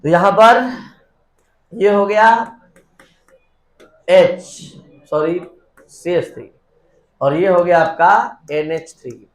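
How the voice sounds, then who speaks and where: A man teaching a chemistry class, dictating reaction steps one by one and prompting students to answer. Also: sits high. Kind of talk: classroom lecture. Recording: echoey classroom.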